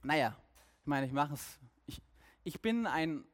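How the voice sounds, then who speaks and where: A preacher voicing an older, stammering missionary. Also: male voice, a little high, lively intonation, a little slow, big-room sound. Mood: faltering. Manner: hesitant, stammering, hushed.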